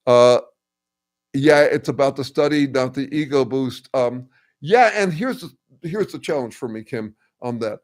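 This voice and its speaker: Answering viewers on a relaxed livestream, an older host thinks out loud, often stopping to restart and filling gaps with ums and uhs. He sounds thoughtful and mentions that he has a bass voice.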